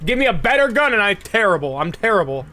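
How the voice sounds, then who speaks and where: High-voiced man joking over gameplay. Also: sing-song, fast, sharp tone, slight background noise. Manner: joking, self-deprecating. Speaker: host. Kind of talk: casual gameplay commentary. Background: game sounds.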